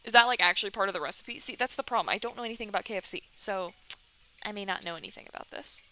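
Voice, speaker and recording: A woman's voice: mid-range voice, rapid-fire, pushed and bright, a little hiss or hum. A woman hosting a let's play, reading a game aloud with sarcastic, playful asides.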